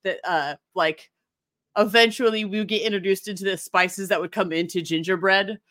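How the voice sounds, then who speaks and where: A woman's voice: medium pitch, normal speed, fairly bright tone, no room sound, clean studio sound. A woman co-hosting a podcast, rambling and giggly as she presents her research in casual chat. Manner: giggly, rambling, self-deprecating.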